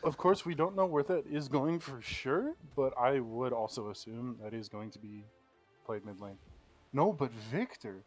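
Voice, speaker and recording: A man calling a live esports draft pick by pick in steady play-by-play, with frequent ums. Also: mid-range voice, normal speed, soft background music. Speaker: play-by-play caster.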